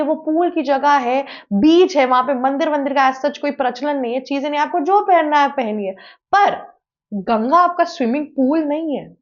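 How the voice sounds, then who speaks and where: A woman with a fairly high voice makes her case to camera in an argumentative opinion commentary for a news channel. She keeps pressing the point with rhetorical questions. The recording sounds slightly dull and lo-fi.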